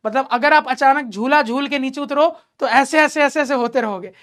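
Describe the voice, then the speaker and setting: A male math teacher telling a story during a lesson, lively and teasing, laughing often. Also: very high-pitched, moderate pace.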